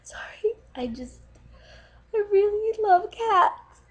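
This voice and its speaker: A teary young woman who cannot stop gushing about cats, as a man puts her on, her voice pitched very high and quivering. She talks slowly, catching her breath between words, with her feelings spilling over. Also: lively intonation, exaggerated voice. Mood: tearful gushing.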